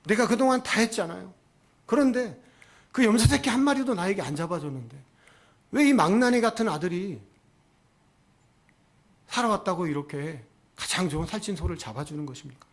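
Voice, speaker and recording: A man's voice: on the high side, lively intonation, moderate pace, pauses often. A man voicing an indignant elder son who angrily demands answers from his father, acted within a sermon. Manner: angry, complaining, demanding. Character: indignant resentful elder brother, grown son.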